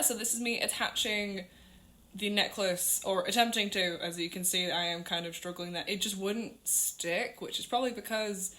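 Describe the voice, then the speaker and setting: A young woman chatting casually through a voiceover on her crafting channel, rambling and self-deprecating, recorded in low quality on wireless earbuds. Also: sharp tone, roomy sound. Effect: low-quality audio from earbud mic.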